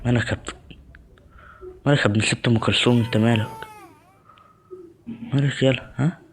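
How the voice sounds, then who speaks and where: Young Egyptian man, horror game commentary, jumpy, talks back at the screen, mid-pitched voice, faint background hiss. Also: steady tone, fast. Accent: Egyptian Arabic. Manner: jumpy, talks back to the game, mutters prayers when scared. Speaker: gaming channel host.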